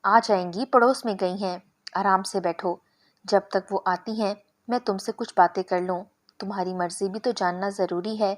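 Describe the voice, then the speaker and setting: A woman's voice: mid-range voice, steady tone, lightly acted. A woman voicing a pushy, coaxing young male suitor in a spoken story. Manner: persuasive, insistent.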